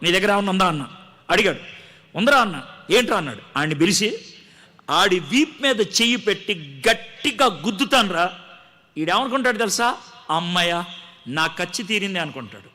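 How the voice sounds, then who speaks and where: A man's voice: high-pitched, big pitch swings, a little fast, pushed and bright. A man preaching a testimony sermon to a gathering, telling his story dramatically and acting out the dialogue.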